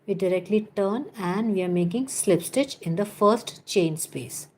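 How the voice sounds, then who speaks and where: A woman teaching crochet on a livestream counts stitches out loud, offers patient step-by-step instructions, and chats with her audience. Her mid-range voice is a little mellow at a measured pace, with slight hiss or hum in the recording.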